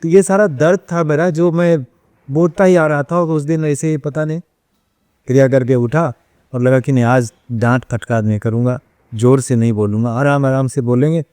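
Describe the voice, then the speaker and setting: A man's voice: mid-range voice, steady tone, moderate pace, dark tone, clean tone, no echo. Man telling stories in a dry, close sound. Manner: storytelling, acts out quoted questions and replies; mixes English phrases into speech. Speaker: interview guest, runs an ashram cow shelter. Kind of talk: casual interview conversation.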